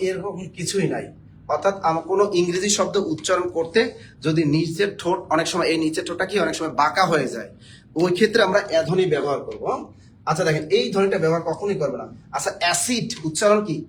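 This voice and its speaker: A man's voice: sits high, a little hiss or hum. A man from Bangladesh, teaching a spelling lesson for job exams, joking and quizzing his viewers.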